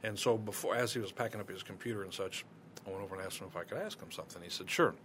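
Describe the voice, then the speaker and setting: Bright-voiced man co-hosting a podcast. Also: low voice, slight background noise. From Kansas City area. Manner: halting, many uh and um fillers. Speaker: podcast co-host. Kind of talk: casual chat.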